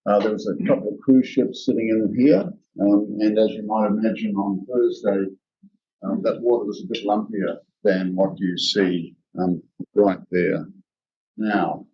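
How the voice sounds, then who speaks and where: A man with an Australian accent giving an investor presentation, excitable and quick-talking. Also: on the low side. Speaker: company executive presenting. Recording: roomy, distant, dull lo-fi sound.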